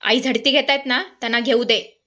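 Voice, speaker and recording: A woman's voice: a little high, fairly even intonation, normal speed, sharp tone. A woman voicing a haughty, suspicious rich lady who orders people about and scorns a poor servant. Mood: bossy, scornful. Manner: commanding, scornful.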